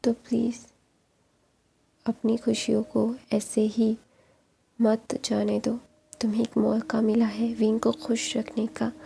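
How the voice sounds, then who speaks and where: A woman voicing an earnest, hushed older brother. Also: fairly high pitch, gravelly, breathy edge, full character voice. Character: calm older brother giving earnest advice.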